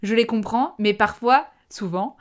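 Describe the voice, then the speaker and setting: A woman's voice: fairly high pitch, unhurried. A young Belgian woman co-hosting a podcast in casual chat, with a Belgian French accent, often hesitating and restarting with fillers. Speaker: podcast co-host.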